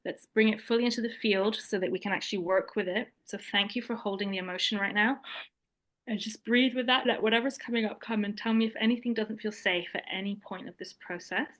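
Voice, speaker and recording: A woman speaks in a calm, soothing, unhurried way as she guides an energy healing session. Her pitch sits in a middle range and her delivery stays gentle and steady. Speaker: energy healer.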